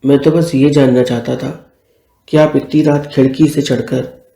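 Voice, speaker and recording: Male narrator, gravelly voice, echoey room, voices both lovers himself. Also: medium pitch, little pitch movement, moderate pace, mellow. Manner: reads both lovers' lines in his own voice. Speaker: storyteller. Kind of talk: scripted story narration with dialogue.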